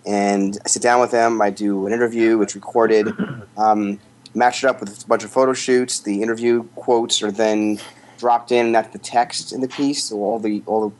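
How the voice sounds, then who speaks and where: A man, a photographer, answering questions in a casual interview with rambling, thoughtful explanations. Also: fairly low pitch. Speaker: guest, photographer.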